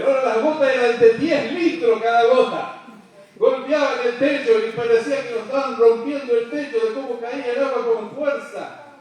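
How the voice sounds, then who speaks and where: A man preaching a sermon as a pastor, telling a story in an animated way and acting out the dialogue. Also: very high-pitched. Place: church hall. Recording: echoey hall, distant mic.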